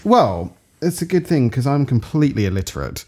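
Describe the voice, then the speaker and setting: Brief: witty co-host, mid pitch, highly animated delivery. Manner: quick-witted, camp quips. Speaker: podcast co-host. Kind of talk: casual chat.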